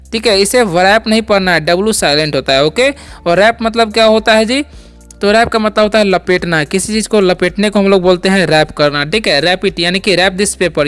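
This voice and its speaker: A man's voice: high-pitched, smooth. A young man teaching English word pronunciation, repeating each word and quizzing the listener. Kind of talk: spoken language lesson.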